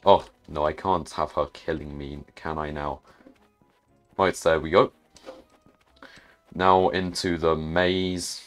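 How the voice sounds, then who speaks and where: A man's voice: very deep voice, little pitch movement, takes it slowly, pauses often, soft background music. A man giving casual gameplay commentary as a gaming YouTuber, muttering hesitantly to himself with frequent restarts.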